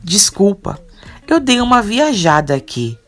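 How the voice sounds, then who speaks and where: A woman's voice: medium pitch, very animated, unhurried, faint music behind. Earnest young man in love, read by a woman.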